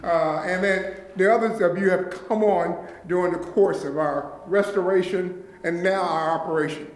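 This man, who heads a nonprofit, speaks to county officials at a public meeting in a high voice with fairly even intonation and normal speed. He is earnest and grateful, frequently checking in with those listening, and the room echoes around him.

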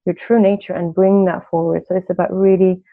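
A Turkish woman who works as a coach appears as a guest on a podcast interview, speaking reflectively and using "you know" a lot. Her voice is fairly low, level in tone, and brisk, coming through as tinny phone-line audio.

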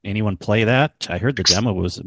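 A man hosting a casual gaming podcast, easygoing and quick to laugh. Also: fairly low pitch, noisy background. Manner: easygoing, laughs often, many fillers. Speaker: podcast host.

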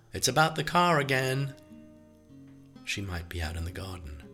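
A man reading an audiobook as its narrator, in an even, measured storytelling manner. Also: sits low. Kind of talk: scripted narration.

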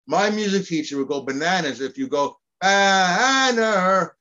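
A man chatting casually, rambling and halting as he tells a story. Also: fairly high pitch, expressive, lo-fi sound. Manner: rambling, halting with fillers and repeats. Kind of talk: casual chat.

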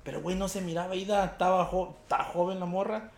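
A young man with a Mexican Spanish accent, telling an animated, slang-heavy story in casual chat and acting out the quotes. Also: sits high, fast, vocal fry, roomy sound.

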